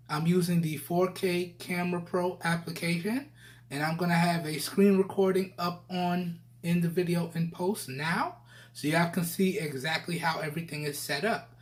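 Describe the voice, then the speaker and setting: A man casually presenting a tech review video, his voice recorded through the built-in microphones of Bluetooth earbuds and often checking in with viewers. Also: fairly high pitch. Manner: chatty, addresses viewers, keeps checking in with "all right?". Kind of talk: casual product-test vlog.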